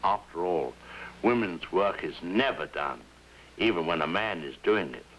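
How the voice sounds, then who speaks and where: A man hosting a television show in a dry, deadpan and formally droll manner, heard through an old 1950s television broadcast with a faint hum. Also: deep voice, measured pace, low-quality recording. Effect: old 1950s television broadcast sound with faint hiss and hum. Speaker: television host. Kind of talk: scripted wry host introductions.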